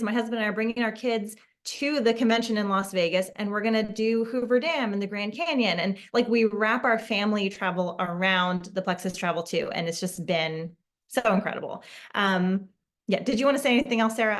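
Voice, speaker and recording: A woman speaking as an MLM recruiter on a video call, giving a casual, persuasive testimonial and sales pitch with frequent check-in tags. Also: a bit bright. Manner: chatty, peppers talk with "like" and "right?". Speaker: MLM recruiter and distributor presenting an opportunity call. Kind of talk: casual online sales presentation.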